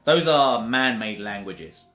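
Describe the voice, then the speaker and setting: This spiritual teacher has a mid-range, slightly bright voice and talks slowly but with animation. His casual talk is emphatic, repetitive, and occasionally profane, recorded in an echoey room with faint music.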